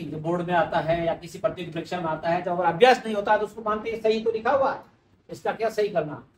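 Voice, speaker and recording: In an echoey room with faint ambient noise, a man with a high, darkish voice teaches Hindi spelling conversationally. He repeats each word aloud as he writes it on a board.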